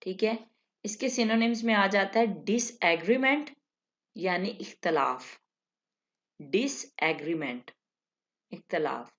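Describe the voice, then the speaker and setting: A woman gives a vocabulary lesson at a very unhurried pace. She says each word, then its meaning, and often repeats it. The recording sounds somewhat dull and muffled. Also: medium pitch, animated. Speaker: English teacher.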